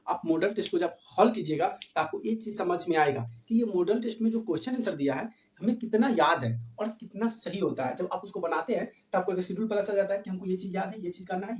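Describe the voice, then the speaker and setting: A man's voice: high voice, darkish tone, distant mic. A male teacher giving an exam revision lesson, repeating key points as questions to his students. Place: room with camera set back from the speaker. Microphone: distant camera mic. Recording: echoey room, voice from afar.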